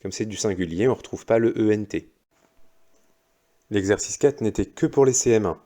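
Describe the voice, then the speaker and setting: A male primary school teacher going over exercise answers slowly and patiently, one step at a time. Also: fairly low pitch, warm tone. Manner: slow, patient, explains step by step. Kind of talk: recorded lesson correcting exercises.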